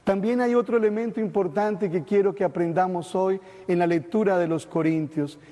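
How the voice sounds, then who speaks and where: High mellow priest in cathedral echo. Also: male voice, fairly even intonation. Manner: measured, solemn liturgical recitation. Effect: long cathedral-like echo. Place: large church. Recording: long echoing church reverb.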